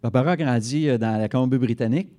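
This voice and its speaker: Mellow-voiced male church interpreter. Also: mid-range voice. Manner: brisk, fluent, occasional self-corrections. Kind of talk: live interpretation into French. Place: church service.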